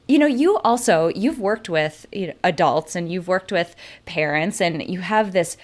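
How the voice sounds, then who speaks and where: Young woman hosting a podcast, chatty and quick, lowish voice. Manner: quick, energetic, filler-heavy talk. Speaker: podcast host. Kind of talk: casual interview chat.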